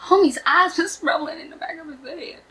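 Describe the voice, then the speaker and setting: A woman's voice: very high voice, fairly quick, bright, forceful tone, poor audio. A woman streamer casually reacting to a true crime video, chatty and laughing, with swearing asides.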